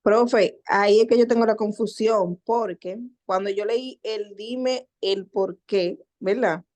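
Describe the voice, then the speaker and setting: A woman's voice: medium pitch, slow pace, darkish tone. A woman student speaking up on a video call. She talks in a hesitant way, stopping with fillers as she works through her question for the teacher. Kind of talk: asking a question in class.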